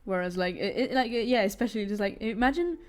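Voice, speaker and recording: A young woman streams while she draws, chatting in a rambling, casual way full of fillers, stammered restarts and frequent laughter. She talks fast in a medium-pitched voice with lively intonation.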